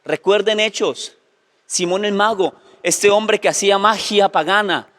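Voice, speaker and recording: Male pastor, high pitch, emphatic live sermon delivery, speaks straight to the congregation. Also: measured pace, fairly bright tone. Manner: emphatic, repeats "sí, señores", addresses congregation directly. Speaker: preacher.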